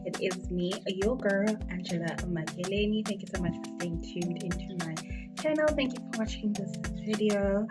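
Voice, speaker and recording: Loud music plays beneath a woman in her twenties with a South African accent, a beauty vlogger talking casually to viewers about herself. Her medium-pitched voice moves at a normal pace, and she uses plenty of fillers.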